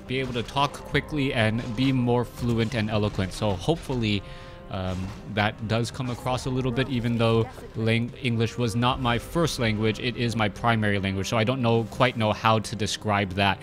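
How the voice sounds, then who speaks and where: A man in his thirties, a native Cantonese speaker, casts a strategy game match over music. His mid-range voice has fairly even intonation and a normal pace, and his casual play-by-play is full of fillers and restarts.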